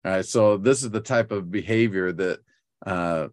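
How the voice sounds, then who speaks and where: A man co-hosting a casual scripture teaching discussion, thoughtful and halting, with many restarts. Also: sits low, no room sound, clean studio sound.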